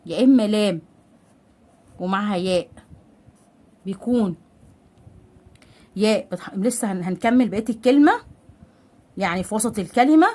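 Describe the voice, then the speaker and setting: An Egyptian woman with a mid-pitched voice leads a reading lesson for beginners. She draws each syllable out slowly for the learners to repeat. She keeps asking small questions and answering them herself. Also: a little mellow. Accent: Egyptian Arabic. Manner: patient, drawn-out sounding out of syllables. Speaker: literacy teacher.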